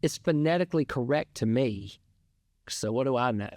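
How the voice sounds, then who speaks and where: A middle-aged man co-hosting a podcast, telling a rambling, excitable travel story in casual chat. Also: medium pitch, moderate pace, no echo, studio quality. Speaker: podcast co-host.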